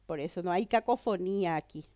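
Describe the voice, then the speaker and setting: Speaking fairly quickly in a lowish, mellow voice, this female teacher walks students through grammar despite having a cold. There's no room sound, and she often confirms understanding with "¿verdad?" or "¿mm?".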